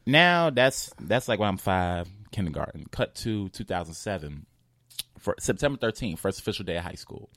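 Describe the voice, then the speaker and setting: A man's voice: low voice, very animated, moderate pace, a bit bright, no room sound, clean studio sound. A young man from New York with a slight lisp, a comedian telling loose, profane stories in a casual interview. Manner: loose, storytelling, cursing freely. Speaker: comedian guest.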